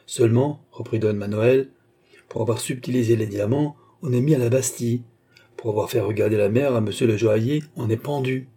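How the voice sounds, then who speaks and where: A haughty yet jittery fake nobleman in a storybook read-aloud, voiced by a man. The voice is warm and husky, with an air of strained dignity. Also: medium pitch, brisk, natural voice. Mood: worried. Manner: dignified but anxious. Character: proud, nervous male impostor posing as an ambassador.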